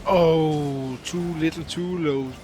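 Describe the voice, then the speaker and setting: A man's voice: on the high side, fairly even intonation, slow, dark tone. A young man chatting casually while gaming with friends, teasing and laughing a lot. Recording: faint background noise.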